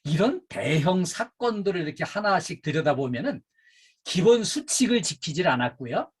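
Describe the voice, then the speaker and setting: A middle-aged man giving a workplace training lecture, emphatic and animated, with frequent fillers. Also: on the high side, moderate pace, breathy edge. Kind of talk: safety and customer service training lecture.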